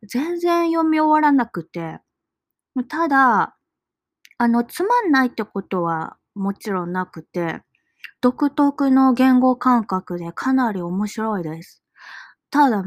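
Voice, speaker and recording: A woman talking alone in a relaxed monologue about her reading, musing aloud and dropping into soft, near-whispered asides. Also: a little high, no echo, studio quality. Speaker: solo podcaster. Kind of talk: casual reading-log monologue.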